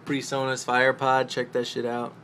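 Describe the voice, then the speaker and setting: A young man chats and jokes in a relaxed, swearing way, his voice recorded inside a clothes closet lined with shirts. He runs a casual vlog for his band. A faint hiss of ambient noise sits behind him. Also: mid-range voice, normal speed. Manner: joking, loose, cussing. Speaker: band member.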